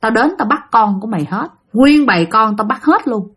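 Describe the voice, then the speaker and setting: A woman voicing a towering dark spirit, who speaks with flat menace. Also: on the high side, a little fast, husky. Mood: menacing.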